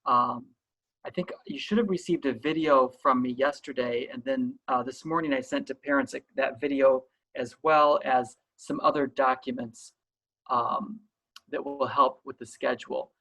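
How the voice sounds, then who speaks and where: A man's voice: mid-range voice, fairly even intonation, normal speed, gravelly, sharp tone, low-quality recording. A man gives an online school orientation as principal, explaining things in a reassuring way.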